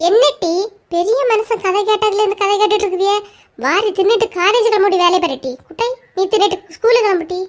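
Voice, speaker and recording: A short-tempered cartoon mother who scolds and nags her daughters, voiced by a woman. The voice is pitched very high and sharp, with a Kanyakumari Tamil accent. Her delivery is clipped and impatient. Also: quick pace. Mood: scolding. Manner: scolding, nagging.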